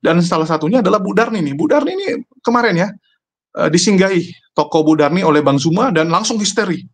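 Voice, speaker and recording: A man's voice: sits high, sing-song, quick pace. A man giving casual, argumentative commentary to his viewers, mocking his opponents.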